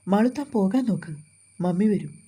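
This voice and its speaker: A woman's voice: medium pitch, moderate pace, slightly rough. A woman reading as a curt, cold young man. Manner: curt, flat, dismissive.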